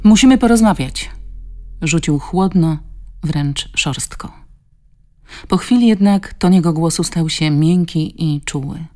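A woman narrating an audiobook in a measured, even reading. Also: low voice, faint music behind. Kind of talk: scripted narration.

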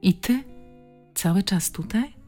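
A woman's voice: medium pitch, animated, takes it slowly, mellow, soft background music, voice pushed up. A woman doing a weary, cynical patient. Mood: weak resigned. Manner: resigned, cynical. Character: weary bitter woman waking in hospital.

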